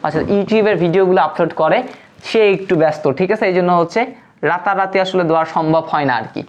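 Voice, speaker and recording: A woman teaching a live online class, patiently asking questions and answering them herself. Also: mid-range voice. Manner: patient, asks and answers her own questions. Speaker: online tutor. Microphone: phone. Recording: dull lo-fi stream audio.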